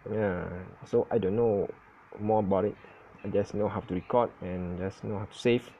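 A man who is not a native English speaker, recording his first casual podcast on a phone app and talking in a hesitant, halting way with many self-corrections. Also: lowish voice, steady tone, muffled recording, a little hiss or hum. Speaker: English learner.

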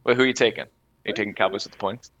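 A man hosting a casual sports betting podcast, moving the talk along with brisk prompts. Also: fairly low pitch, steady tone, a bit bright. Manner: brisk, runs the segment with quick prompts. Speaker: podcast host.

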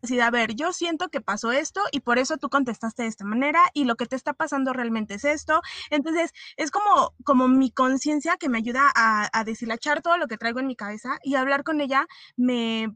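High, bright-voiced Mexican woman. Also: brisk, no echo. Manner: animated storyteller, acts out dialogue. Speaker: guest telling a personal story. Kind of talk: casual podcast chat.

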